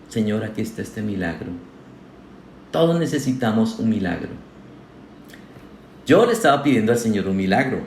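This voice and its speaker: A man's voice: medium pitch, darkish tone, a little hiss or hum. A man, a pastor, preaching a sermon to his congregation, earnest and asking them questions directly. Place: church hall. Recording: echoey church hall.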